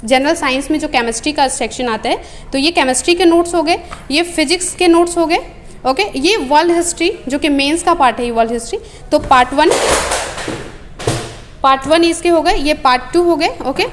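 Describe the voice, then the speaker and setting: High-voiced woman explaining study notes. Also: a little fast, slight background noise. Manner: methodical, repeats phrases, frequent "uh" fillers. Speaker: coaching institute staff member. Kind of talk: explaining and listing study material.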